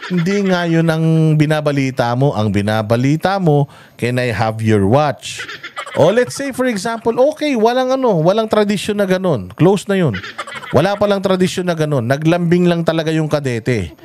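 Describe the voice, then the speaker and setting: A man's voice: on the high side, big pitch swings, normal speed, darkish tone, slight background noise. A Filipino man hosting a political commentary vlog, ranting in a mocking, scornful tone and laughing often.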